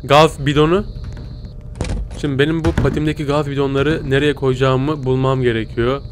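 A man giving casual Let's Play commentary, jumpy and excitable, swinging from tense whispers to loud yelps and talking to his viewers. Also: mid-range voice, normal speed, background noise. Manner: talks to viewers as "pisicikler". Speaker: gaming YouTuber.

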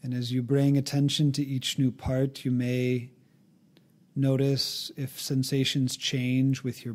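Speaking at a medium pitch, a man narrates a meditation session. He stays calm and offers gentle instruction, pausing at length between each phrase.

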